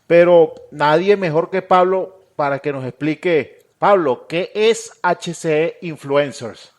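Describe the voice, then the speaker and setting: A man's voice: a little high, slow. A man hosting a podcast interview, opening formally and encouraging his guest with short agreements. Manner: formal greeting, brief agreeing backchannels. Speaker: podcast host.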